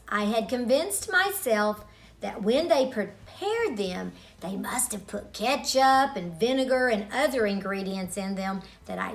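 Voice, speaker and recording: Recounting her childhood for an audience of children, a middle-aged woman pauses dramatically and speaks with expressive deliberation. The pitch of her voice falls in the middle range.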